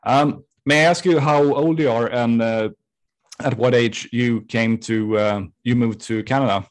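A man who is interviewing a guest, asking polite questions in a halting way. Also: medium pitch, fairly even intonation. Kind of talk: casual conversational interview.

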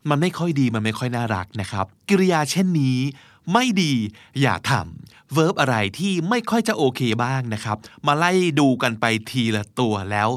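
A man hosting a podcast, giving a casual spoken English vocabulary lesson, chatting and then slowing down to spell and repeat words. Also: mid-range voice, very animated, no echo, clean studio sound.

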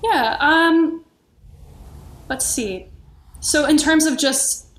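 A woman's voice: high voice, very slow, fairly bright tone. A woman podcast guest talking earnestly and reflectively, searching for words and restarting often. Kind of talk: reflective conversational sharing. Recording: echoey room with faint noise.

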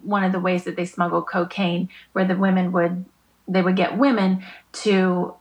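A woman talking as a podcast guest over a video call, thoughtful with halting restarts. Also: fairly low pitch, little pitch movement, rough recording. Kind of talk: casual chat.

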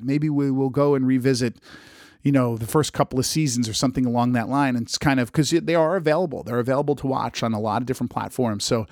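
A man with a strained, struggling voice, talking casually and a bit haltingly as he hosts a solo podcast. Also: medium pitch, darkish tone, dry recording, studio quality. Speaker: podcast host and radio DJ.

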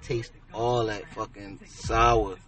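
A man talking as a guest in a casual late-night chat, slow, blunt and profane. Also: on the low side, flat delivery, a bit bright, recorded from a distance. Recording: off-mic with clear music behind.

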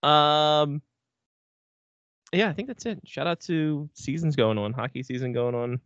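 A man's voice: on the high side, unhurried, fairly bright tone, dry recording. A man hosts a casual sports podcast in a bro-ish, slangy way, swearing freely. His voice sits in a middle register. The audio is dry and a little dull. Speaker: hockey podcast host. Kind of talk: casual profane sports banter.

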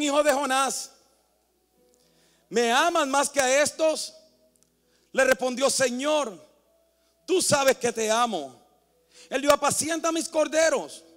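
A male pastor preaching a sermon, swinging from hushed near-whispers to loud, impassioned calls. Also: extremely high pitch, long reverb tail.

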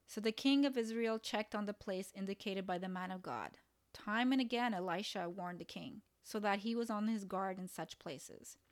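Earnest woman giving a devotional sermon. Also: medium pitch. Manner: measured, earnest storytelling. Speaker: preacher. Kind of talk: devotional sermon retelling Bible stories.

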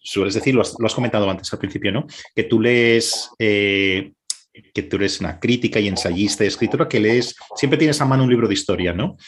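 A man's voice: on the low side, brisk. A man interviewing a guest, thoughtful and searching for words as he speaks. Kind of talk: conversational interview.

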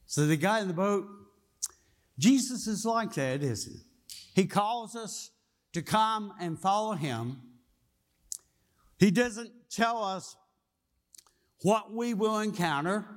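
High-voiced, unhurried man preaching. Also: animated. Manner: folksy storytelling, asks the congregation questions. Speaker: pastor. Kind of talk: sermon.

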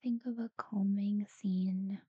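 A woman guiding a sleep meditation in a soft, breathy near-whisper, soothing and unhurried, with long pauses between short phrases. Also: medium pitch, fairly even intonation, dry recording, lo-fi sound. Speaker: guided relaxation narrator. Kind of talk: guided sleep meditation talkdown.

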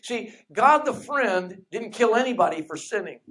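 A preacher gives a sermon in an animated, fairly bright, medium-pitched voice, repeating refrains and posing rhetorical questions. He slows to stretch out key phrases and slips into conversational asides.

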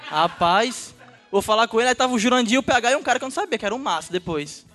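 A man's voice: very high-pitched, animated, very fast, fairly bright tone, faint music behind. A young man telling a story in a casual podcast chat, nervous and laughing as he talks. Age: young adult. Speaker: guest sharing a story.

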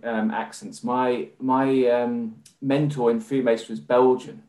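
A man's voice: mid-range voice, a little mellow. English man with a roomy echo. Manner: measured and formal, with many fillers. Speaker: podcast guest. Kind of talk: conversational interview.

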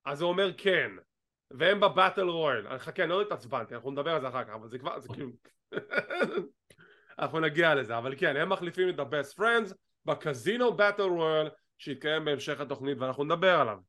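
A man with a high, light voice, co-hosting a wrestling chat show. He talks in an animated, teasing way and drops English phrases in along the way. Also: few pauses. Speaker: wrestling podcast co-host. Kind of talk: casual chat.

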